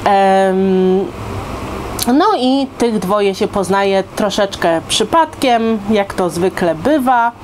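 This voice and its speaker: A woman's voice: mid-range voice, expressive, takes it slowly, darkish tone, a little hiss or hum. A woman in her thirties giving a casual, chatty book review to camera in a living room, often checking in with her listeners. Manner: conversational, addresses listeners with frequent rhetorical check-in questions. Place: indoors, living room on a sofa.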